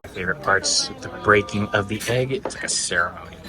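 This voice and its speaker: A man's voice: on the low side, fairly quick, over loud music. A man hosting a food vlog, giving casual, informal and enthusiastic commentary on what he eats. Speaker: food vlogger and host.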